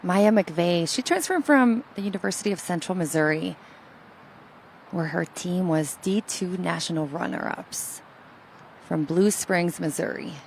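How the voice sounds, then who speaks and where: A woman's voice: fairly low pitch, measured pace, vocal fry, slight background noise, poor audio. A woman giving live golf commentary, explaining play directly to the viewers.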